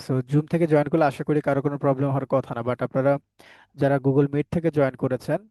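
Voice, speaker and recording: A man's voice: mid-range voice, fairly even intonation, fast talker, dark tone, no echo. A man teaching an online class, drilling his students with repeated questions and answers. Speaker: English teacher. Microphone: headset.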